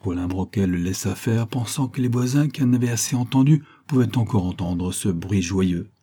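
Husky, mellow male storyteller. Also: on the low side. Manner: measured storytelling. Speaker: audiobook reader. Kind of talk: scripted narration.

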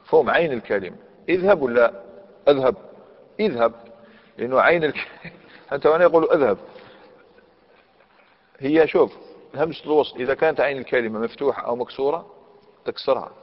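A man with an Algerian Arabic accent teaching a classical grammar lesson. He explains step by step and keeps checking that his listeners follow. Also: medium pitch. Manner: explanatory, checks understanding with quick questions. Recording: echoey hall, dull lo-fi sound.

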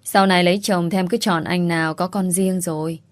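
A woman's voice: on the low side, steady tone, fairly quick, no room sound, close to an everyday voice. A woman voicing a sly, smug young female teacher who pries breezily.

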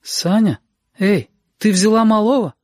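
Frightened, furious mother, shouting high, voiced by a male reader. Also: unhurried, no echo, clean studio sound. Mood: worried. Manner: shouting, demanding. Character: worried, angry middle-aged mother.

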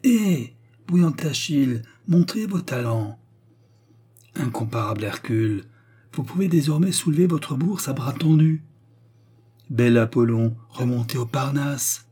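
A man's voice: medium pitch, measured pace, mellow, slightly rough. A man voicing a crowd of courtiers sneering at a ruined man. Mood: mocking. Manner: sneering, mocking. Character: jeering mocking crowd of courtiers.

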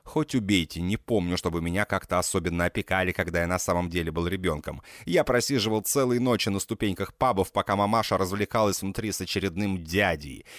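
A man's voice: sits low, quick pace, hardly any pauses, a bit bright, dry recording, studio quality. A man reading a first-person novel aloud, with an intense, dramatic and sardonic delivery. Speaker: audiobook reader. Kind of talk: first-person audiobook narration.

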